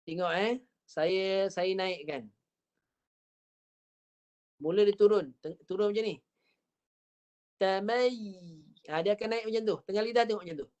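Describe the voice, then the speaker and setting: A woman with a Malaysian accent leads an online recitation lesson over a video call. Her pitch sits in an ordinary middle range. She stretches out example sounds slowly and repeats them with patience. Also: darkish tone. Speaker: Quran recitation teacher.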